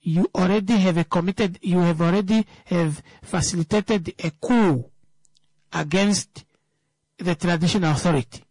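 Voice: mid-range voice, normal speed, a little mellow, no room sound. A speaker with a Namibian accent giving an impromptu political talk, emphatic, repeating phrases and answering their own rhetorical questions.

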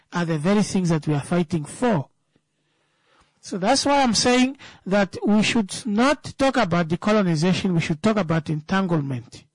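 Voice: medium pitch, no room sound, low-quality recording. A speaker with a Namibian accent giving an impromptu political talk, emphatic, repeating phrases and answering their own rhetorical questions.

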